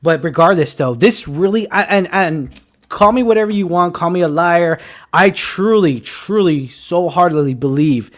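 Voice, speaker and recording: A man in his twenties hosting a casual movie talk show, excitable and teasing, with loud bursts. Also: fairly high pitch, normal speed. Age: 20s. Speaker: podcast host. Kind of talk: casual film chat.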